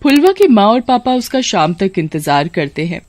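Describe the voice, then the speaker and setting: Woman, storyteller, clear even delivery, dry close sound. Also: mid-range voice, moderate pace, no echo. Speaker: narrator. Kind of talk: storytelling narration.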